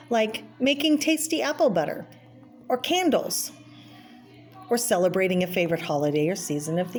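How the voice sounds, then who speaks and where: In a homemade read-aloud video with clear background noise, a woman whose voice is lowish and a little mellow narrates a children's art book. She keeps it plain and explanatory for young listeners, slipping in short personal asides.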